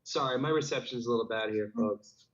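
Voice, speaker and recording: A man's voice: medium pitch, a little fast, fairly bright tone. A man calling in as a guest mystic, talking hesitantly with many ums while his call audio breaks up from bad reception. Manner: hesitant, with frequent ums and restarts. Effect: choppy call audio breaking up from poor reception. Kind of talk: casual call-in chat. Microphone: remote phone or internet call. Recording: dull lo-fi call line.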